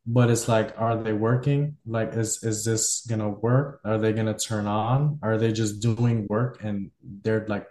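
A man's voice: fairly low pitch, fairly even intonation, measured pace, hardly any pauses, warm tone, roomy sound. A man hosting a podcast, musing at length in casual conversation with many fillers. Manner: reflective, loosely structured, many fillers. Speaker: podcast host.

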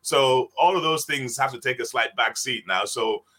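An Englishman in his sixties, a guest on an interview podcast, tells stories in a casual conversation and often laughs as he talks. His voice is mid-range with a sharp tone, and he speaks at a moderate pace.

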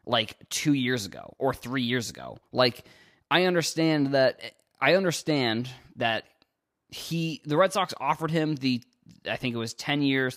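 Hosting his own laid-back sports podcast, a young Cape Cod, Massachusetts man rambles along, tripping over words and starting sentences over. He has a mid-range voice that's a bit bright.

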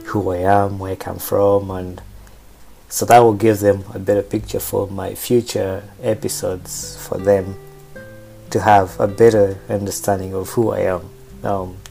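Relaxed low-voiced Ugandan man. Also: vocal fry, soft background music. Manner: relaxed, unhurried, with frequent pauses and fillers. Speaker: podcast host. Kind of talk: casual personal storytelling podcast.

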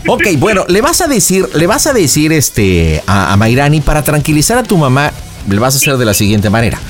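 A man hosting a radio prank show, coaching a caller through a prank in a playful, animated way. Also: fairly high pitch, fairly quick, over music.

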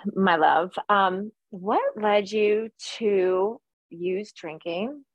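Excitable young woman podcast cohost, gushy and bubbly. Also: mid-range voice, drawn-out words, highs cut off. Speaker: podcast co-host. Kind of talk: enthusiastic podcast chat.

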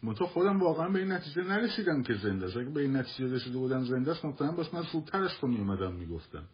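Male livestream host, insistent and combative, repeats himself, middle-pitched voice, muffled lo-fi sound. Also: very animated. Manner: argumentative, repeats himself for emphasis. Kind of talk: casual live talk answering listeners.

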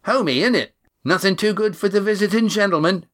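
A man's voice: a little high, very animated, unhurried, a bit bright, voice pushed up. A man reading a story, voicing a cheeky young man with a wry, mocking way of talking.

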